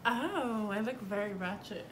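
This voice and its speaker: Woman playing a sassy, animated salon customer. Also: mid-range voice, unhurried, close to an everyday voice. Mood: playful. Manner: playful, slangy backtalk. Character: sassy, skeptical salon customer haggling playfully. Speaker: salon client. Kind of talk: improvised comedy sketch. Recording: echoey room with faint background noise.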